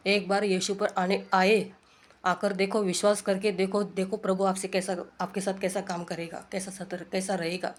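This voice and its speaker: A woman's voice: mid-range voice, little pitch movement, moderate pace. A woman giving an informal, earnest sermon, exhorting her listeners and checking in with repeated rhetorical questions. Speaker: preacher.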